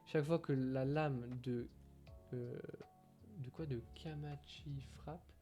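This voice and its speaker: Homme au timbre sombre, hésitant. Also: male voice, medium pitch, steady tone, slow, mellow, soft background music. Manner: hesitant, many fillers, reads translated text aloud. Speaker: gaming streamer. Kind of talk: casual reading of game patch notes.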